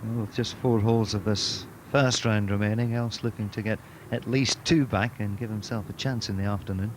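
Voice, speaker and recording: A male golf commentator with a fairly low voice describes play in short, measured phrases and leaves pauses between them. Clear outdoor noise from the course sits behind his voice. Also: fairly even intonation, low-quality recording.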